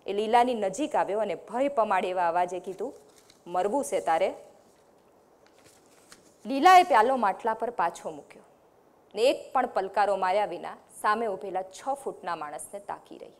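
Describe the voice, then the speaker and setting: A woman novelist giving an expressive reading from her novel and then speaking about it in a conversational way at a public talk. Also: mid-range voice, brisk.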